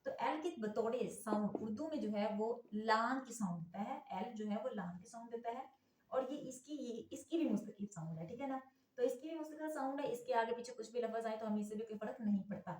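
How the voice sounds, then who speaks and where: A woman gives a phonics lesson in a room that rings with echo. Her voice sits a little high. She spells example words letter by letter and keeps asking "theek hai na" to check in. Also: brisk, darkish tone, a little hiss or hum. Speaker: English teacher.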